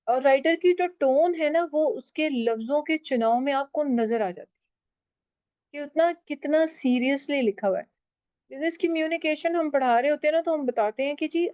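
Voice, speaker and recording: A woman's voice: high voice, a little mellow, no room sound, highs cut off. A woman teaching a writing class, explaining step by step and often checking in with her students. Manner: switches often into English phrases. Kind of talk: online class lecture.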